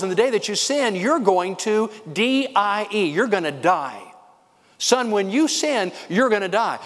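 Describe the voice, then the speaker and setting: An older man, a pastor, preaching a sermon with fast, excited emphasis. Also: sits high, in a large hall.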